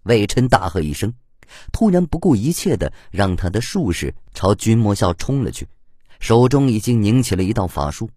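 A man narrating an audiobook in an expressive storytelling manner on a close mic. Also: lowish voice, moderate pace, no echo. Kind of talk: scripted narration.

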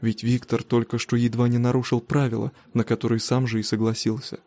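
Mellow-voiced male audiobook narrator. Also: mid-range voice, flat delivery, brisk. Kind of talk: first-person audiobook narration.

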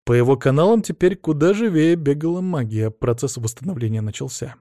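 A man's voice: fairly high pitch, animated, fairly quick, mellow, no room sound. A man narrating a first-person fantasy audiobook in a wry, ironic manner, read close to the mic.

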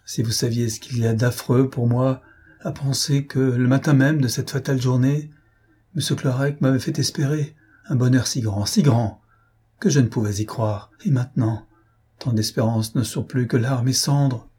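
A man's voice: medium pitch, steady tone, normal speed, warm tone, husky, lightly acted. A man voicing a feverish, bedridden young man, agitated and imploring, in an audiobook. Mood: anguished.

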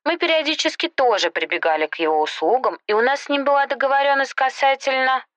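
A man's voice: very high-pitched, quick pace, a bit bright, dry recording, pitched above the performer's own voice. A man voicing a poised, bold young corporate woman in an audio story, polite, insistent and businesslike. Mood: smooth, insistent.

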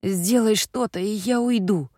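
A woman voicing a hoarse, wheezing, injured father who is desperate, in an audiobook reading. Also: mid-range voice, a little slow, mellow, no echo, clean studio sound, close to an everyday voice. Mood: weak pleading.

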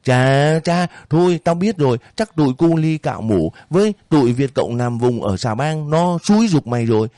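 A man's voice: fairly high pitch, expressive, normal speed, few pauses, warm tone, no room sound, studio quality, voice pushed up, natural voice. A man voicing a stingy, cruel and cowardly older woman landowner in an audiobook reading, scolding shrilly and pleading in a panic.

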